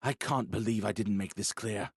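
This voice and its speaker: A man voicing a calm male expedition leader who explains things steadily and earnestly. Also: on the low side, moderate pace, gravelly, husky, dry recording, clean studio sound.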